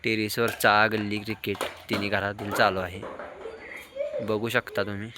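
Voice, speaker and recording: A man gives excited running commentary on a game of rooftop cricket for his vlog, calling out to the kids and to his viewers. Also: on the low side, moderate pace, noisy background. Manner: lively, calls out to kids and viewers. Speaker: vlogger. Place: outdoor rooftop terrace.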